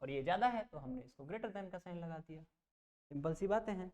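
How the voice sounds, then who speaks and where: This coaching teacher has a high, darkish voice with lively intonation and speaks at normal speed. Teaching math online, he patiently repeats each step and keeps checking whether students are following, reassuring them with plain explanations.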